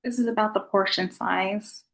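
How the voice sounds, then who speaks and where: A woman talks softly and casually as she sets out her meal for a vlog. Her voice sits at an ordinary middle pitch, and she keeps her volume low throughout. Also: fairly even intonation, moderate pace, gravelly, rough recording. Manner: soft-spoken, low volume. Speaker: vlogger. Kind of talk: casual food vlog chat.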